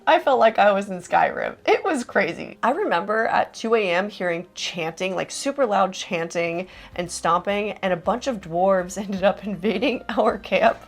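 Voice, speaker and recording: A woman's voice: mid-range voice, normal speed, hardly any pauses. A young adult woman narrating a casual vlog in a chatty, enthusiastic way, with lots of "like". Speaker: vlogger host.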